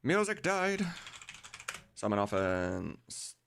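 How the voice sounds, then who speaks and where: Talking in a low, sing-song voice with vocal fry and an extremely slow pace, this livestream host and voice mod editor chats casually, curses now and then, and gets sidetracked between tasks and banter. Background noise, music and computer typing fill the recording.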